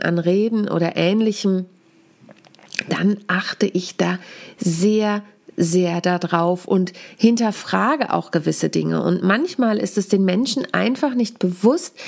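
A woman's voice: medium pitch, creaky, darkish tone. German-speaking woman coach, slightly cold-voiced. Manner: deliberate, coaching tone, demonstrates stresses. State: lingering cold. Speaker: podcast host and speaking coach. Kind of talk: solo podcast talk.

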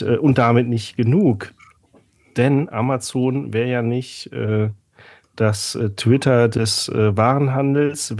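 A man's voice: medium pitch, darkish tone, dry recording, clean studio sound. A man co-hosting a podcast in casual chat, telling a story sarcastically with many fillers. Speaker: podcast co-host.

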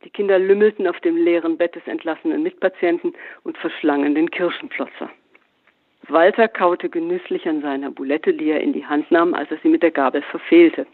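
A man's voice: a little high, fairly even intonation, a little fast, dry recording. Man reading a story, phone-thin sound. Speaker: reader. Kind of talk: literary reading. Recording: phone-like narrow band.

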